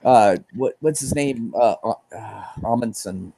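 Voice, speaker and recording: A man with a dark, relaxed voice of ordinary pitch chats casually on a livestream. He is laid-back and hesitant, pausing to hunt for words, with the odd offhand swear. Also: gravelly, no echo.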